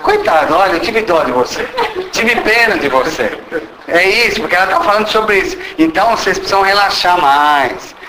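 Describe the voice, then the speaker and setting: A man's voice: sits high, big pitch swings, normal speed, bright, forceful tone. A man with a Brazilian Portuguese accent giving an informal spiritual lecture, teasing and questioning the audience and acting out little dialogues. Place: meeting hall. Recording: roomy hall with background noise.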